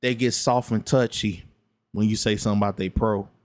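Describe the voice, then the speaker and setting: A man's voice: fairly low pitch, steady tone, fairly quick, no room sound. Blunt, tired man streaming late at night, keeps repeating himself, dry close sound. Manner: repetitive, blunt, argumentative. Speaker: gaming streamer responding to another streamer. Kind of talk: late-night casual reaction commentary.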